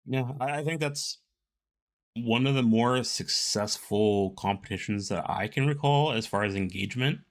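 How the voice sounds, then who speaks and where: A man hosting a casual interview, speaking informally and haltingly as he thinks aloud. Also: medium pitch. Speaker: interviewer, host.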